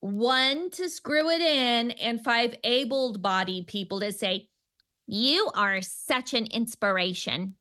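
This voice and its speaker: Slightly high and bright, her voice sounds pushed as she takes her time. A stuttering stand-up comedian in a casual radio interview, she keeps restarting, uses lots of fillers, and laughs readily.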